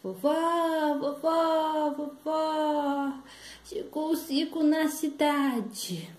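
A pushy, excitable little granddaughter, as a storytelling grandmother puts her on, pleading and repeating herself in a very high, bright voice. The sound carries a roomy echo. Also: extremely slow. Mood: excited.

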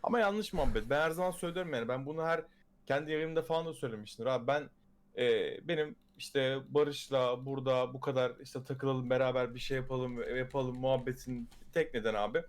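Man, guest streamer, mid pitch, fast, earnest, casual chat.

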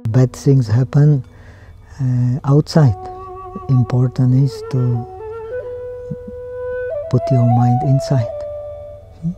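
An older man from the Czech Republic with a Czech accent, a Buddhist monk speaking calmly in a reflective interview and ending his thoughts with a questioning "huh?" or "hmm?". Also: mid-range voice, takes it slowly, long pauses. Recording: slightly dull sound with flute music behind.

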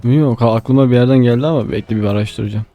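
A man's voice: medium pitch, racing, dull audio, faint music behind. A man putting on a drunken town-drunk manner, muddled and rambling as he chats during an online game. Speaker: host of a comedy gaming video.

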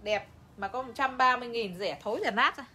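A woman's voice: on the high side, quick pace, bright, forceful tone, slight background noise. A woman selling clothes on a livestream, chatty and talking straight to her viewers. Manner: chatty, addresses viewers directly, laughs often. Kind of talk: live sales pitch.

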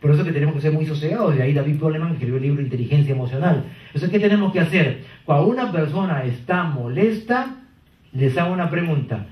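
A man with a Peruvian accent giving a lively sales-training seminar, quizzing the audience as he goes. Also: on the high side, fast. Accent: Peruvian Spanish. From Peru. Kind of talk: live motivational seminar talk. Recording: roomy, distant, dull seminar hall.

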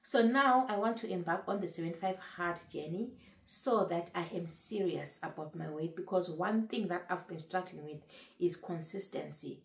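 A woman in her late thirties with a low, gravelly voice speaks earnestly to camera. She drives points home by repeating phrases. Her voice rings in a roomy, echoey space. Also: moderate pace. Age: 30s. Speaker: vlogger sharing her weight-loss journey. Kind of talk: casual talk to camera.

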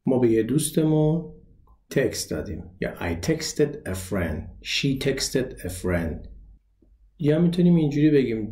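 A man teaching from a textbook, who reads English example phrases slowly and then explains and translates them. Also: mid-range voice, mellow. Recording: echoey room.

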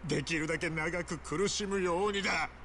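An actor playing a desperate young male yakuza in a video game, talking in rough, blunt street speech. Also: on the high side, normal speed, over a noisy crowd, close to an everyday voice. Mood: grim, pained.

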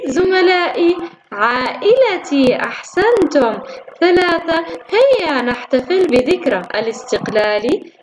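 A woman teacher going through workbook exercises for young pupils, praising often and slowly drawing out syllables as she sounds words out. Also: high voice, background noise. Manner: slow, drawn-out syllables when sounding out words. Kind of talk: recorded classroom lesson.

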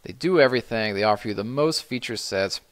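A middle-aged man talks through viewer questions on his live stream, unhurried and loose. His voice sits a little low, and he often trails off and restarts his sentences. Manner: relaxed, rambling, frequent restarts and "you know". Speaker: livestream host answering chat questions.

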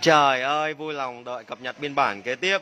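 A man's voice: mid-range voice, normal speed, sharp tone, soft background music. A man working as a motorbike mechanic, demonstrating a repair and joking and exclaiming to himself as he works. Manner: chatty, jokey, exclaims under his breath.

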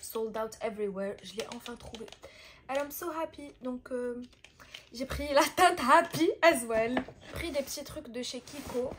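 A young woman vlogger chats casually through a shopping haul, switching between languages mid-sentence. Her voice sits high with a fairly bright tone, she talks at a normal speed, and there's slight background noise.

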